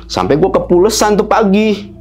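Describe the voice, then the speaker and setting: A man, telling a story as a guest in a halting, repetitive way that sometimes sinks to a hushed whisper. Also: high-pitched, expressive. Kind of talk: casual storytelling.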